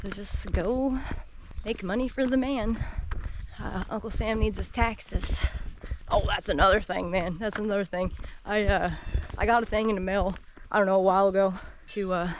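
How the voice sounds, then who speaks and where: A solo hiker vlogger in her thirties chats to her action camera as she walks a wooded trail, rambling and laughing often. Her mid-range voice is steady at normal speed, with outdoor noise in the background.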